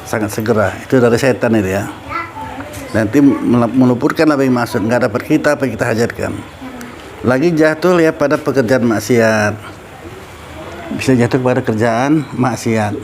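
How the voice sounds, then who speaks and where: A man's voice: medium pitch, moderate pace. Middle-aged man, religious teacher, casual study circle, asks listeners questions, faint background noise.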